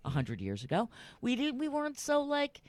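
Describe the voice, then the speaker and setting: A woman with a somewhat high, very animated voice gives her opinion on a talk show, often mocking herself. The sound is dry and close. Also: moderate pace. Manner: lively, laughing, self-mocking. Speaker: co-host. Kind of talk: casual chat.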